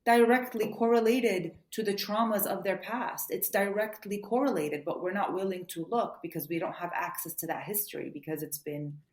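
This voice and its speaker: A woman author answering interview questions in an earnest, quick way, often saying "you know". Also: mid-range voice. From United States. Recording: roomy echo.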